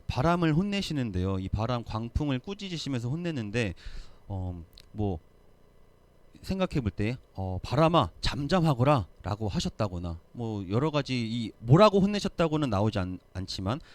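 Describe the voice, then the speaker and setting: A man preaching a sermon to a youth group, asking the listeners questions and acting out the scenes he describes. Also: medium pitch. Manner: animated, asks the listeners questions, acts out quotes. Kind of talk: sermon to teens.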